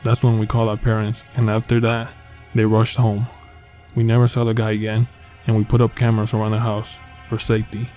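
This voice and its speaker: A man narrating true horror stories in a calm, even storytelling manner. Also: fairly low pitch, a little fast. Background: faint background music.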